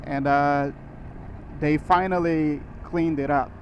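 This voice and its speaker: A man's voice: a little high, steady tone, slow pace. Brazilian-born man chatting while riding. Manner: rambling, with restarts and short laughs. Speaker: motorcycle vlogger. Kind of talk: casual riding commentary. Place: riding a motorcycle on city roads. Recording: muffled helmet audio with road noise.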